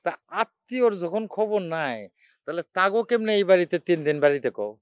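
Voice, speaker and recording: A penny-pinching older husband who needles his wife, quick and lively in pitch. His sarcastic, broad dialect carries over clear background music in a TV drama. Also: no echo. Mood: bickering. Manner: sarcastic, bickering, colloquial dialect. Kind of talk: TV drama acting.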